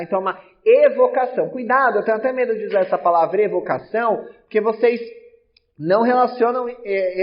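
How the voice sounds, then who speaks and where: A man with a fairly high voice and a São Paulo accent teaches a recorded lesson. He walks through each point with repeated examples and keeps checking that his students follow. The recording sounds dull and lo-fi. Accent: São Paulo Portuguese.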